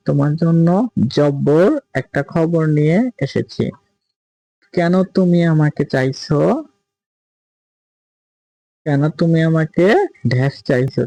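A man teaching a primary school lesson, reading questions and answers aloud and slowly repeating words to show their pronunciation. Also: a little high, vocal fry, warm tone, no echo, poor audio. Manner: slow, careful pronunciation drills, repeating words. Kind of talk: reading and explaining a textbook lesson.

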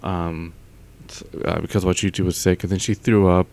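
Low-pitched and darkish, a young man's voice keeps a level tone at a moderate pace as he vlogs from home. He meanders into a close, pop-filtered mic, full of fillers and unfinished thoughts.

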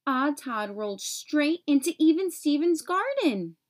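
In an unhurried, high-sitting voice, a woman brings a children's picture book to life as an expressive storyteller. Her clear phrasing is aimed at young kids.

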